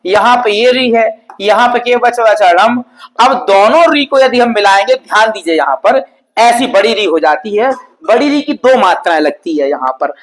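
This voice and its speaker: A man teaching an exam-prep grammar lesson at a board, explaining patiently and repetitively, sounding out example words slowly and often checking in with his students. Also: sits high, animated, poor audio. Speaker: Sanskrit teacher.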